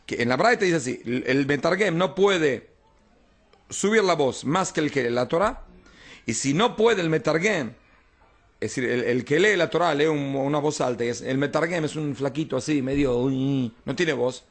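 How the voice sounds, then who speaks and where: Rabbi guy teaching talmud, gravelly voice, keeps asking if everyone follows. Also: on the high side, animated, moderate pace. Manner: explains texts, often checks understanding with "¿hon?". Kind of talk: informal Talmud class.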